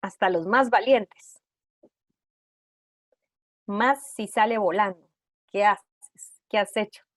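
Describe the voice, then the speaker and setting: A woman's voice: medium pitch, dry recording, studio quality. A woman leading an online workshop over a video call, putting one question after another to her audience. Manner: asks rapid rhetorical questions to the audience. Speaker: trauma-informed care workshop facilitator.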